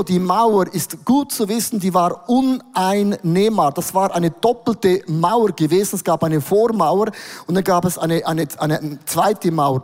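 A man preaching a sermon as a worship leader, emphatic and declaring, his voice swelling louder. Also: high voice. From Switzerland. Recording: reverberant hall.

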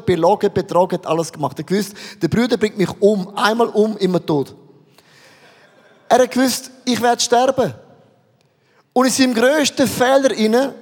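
A man's voice: high voice, in a large hall. A man with a Swiss German accent preaching a sermon to a congregation, asking many rhetorical questions. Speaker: pastor.

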